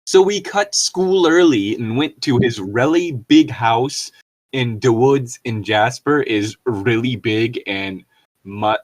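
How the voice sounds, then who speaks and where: Lively, laughing woman co-host. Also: very deep voice, takes it slowly. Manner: swears casually, laughs often, goes off on tangents. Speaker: podcast co-host. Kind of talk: casual comedic banter.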